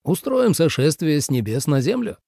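A man voicing an old, powerful male dragon in a storybook reading, talking in a gentle, coaxing way. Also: fairly high pitch, big pitch swings, normal speed, creaky, breathy edge, dry recording, clean studio sound, exaggerated voice. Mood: explaining.

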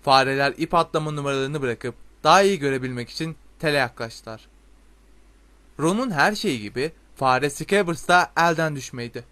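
Man narrating a storybook, slightly high voice. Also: moderate pace, bright, forceful tone. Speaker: audiobook narrator.

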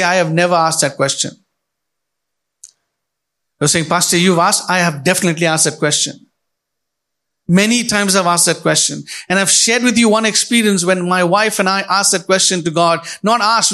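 A middle-aged male pastor preaches a sermon in church, addressing the congregation directly with emphasis that rises and falls. His voice sits high and sounds a bit bright.

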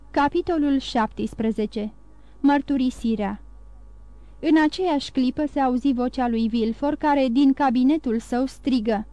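A woman narrating an audiobook in a steady, measured reading. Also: high voice, clean tone, no echo.

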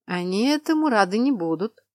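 A woman's voice: mid-range voice, lively intonation, brisk, dry recording, natural voice. A duke's trusted male advisor, as a woman reader puts him on, who talks plainly and without fuss. The voice stays close to the reader's own, in a dry, close reading. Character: friendly male advisor to a duke.

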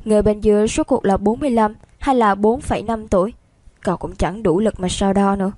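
Mellow-voiced woman reading a romance novel. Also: medium pitch, quick pace, dry recording. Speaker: story narrator. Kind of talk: scripted narration of a romance novel.

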